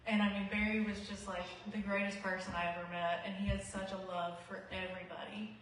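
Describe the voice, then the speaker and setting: An earnest woman, quiet by her own account, gives a heartfelt memorial speech. Her voice is caught from a distance and rings through a very echoey hall. A faint background hum stays underneath. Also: mid-range voice, flat delivery, fairly quick. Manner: self-described quiet, not a talker; earnest and heartfelt. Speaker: eulogy speaker. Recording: echoey hall, mic far off.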